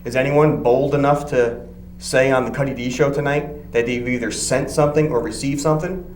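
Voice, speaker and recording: A man's voice: mid-range voice, fairly even intonation, brisk, a little mellow. A man hosting a casual studio panel chat, prodding his guests with questions. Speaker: show host. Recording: roomy studio with faint hum.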